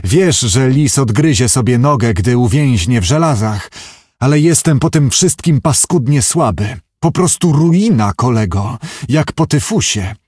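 A man's voice: medium pitch, expressive, unhurried, darkish tone, breathy edge, no echo, clean studio sound. A man reading an audiobook, voicing a gloomy, shaken businessman who talks in anxious, confiding tones. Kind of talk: audiobook character voice.

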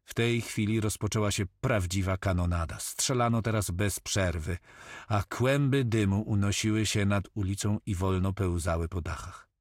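A man with a lowish voice reads adventure narration at a measured pace. The recording is dry and close, with no room sound at all. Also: dry recording. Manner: measured storytelling. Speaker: audiobook narrator. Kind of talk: scripted narration.

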